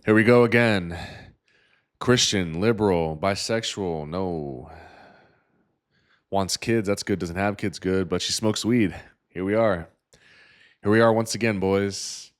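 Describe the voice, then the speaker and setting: A man with a very low voice delivers sarcastic reaction commentary. He rants in a preachy tone while reviewing dating profiles. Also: slow pace, long pauses.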